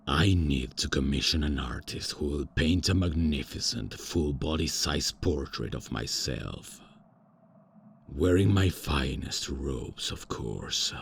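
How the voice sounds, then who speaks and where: Heavily acted, this ASMR roleplay has a voice actor as an old-fashioned, self-important vampire count, eccentric and stuck in old ways. His extremely low, gravelly voice moves slowly and formally, yet his lofty declarations stumble on nervous fillers and rushed self-corrections. There's slight background noise.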